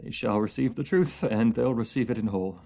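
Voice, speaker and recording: In a fantasy audio roleplay, a man voices a captive enemy ruler who is anguished, proud, and lovesick while under a truth potion. His brisk, gravelly, dark voice sits at a medium pitch and sounds natural, delivering formal, theatrical lines that falter with emotion in a resigned, bitter mood.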